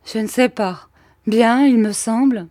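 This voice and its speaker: A woman's voice: a little high, measured pace, dark tone, no echo, clean studio sound, pitched above the performer's own voice. A woman reading the questions of a dazed young foundling in an audiobook.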